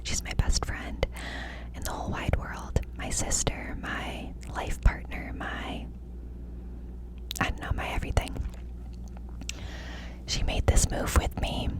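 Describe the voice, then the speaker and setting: A woman whispering breathily and close to the mic in an intimate, confiding ASMR chat, often repeating phrases. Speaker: ASMR creator. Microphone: close mic with cupped whispering.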